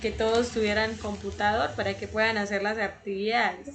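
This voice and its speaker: A woman teaching an online class over a video call, repeating words slowly and clearly. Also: mid-range voice, flat delivery, a bit bright. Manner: slow, repeats words syllable by syllable.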